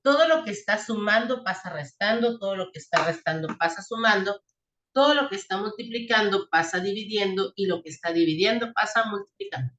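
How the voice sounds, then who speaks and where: A woman's voice: medium pitch, lively intonation, a little fast, fairly bright tone. A woman teacher, walking a class through equations and physics step by step and checking in often with short questions. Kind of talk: classroom math and physics lesson. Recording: echoey room.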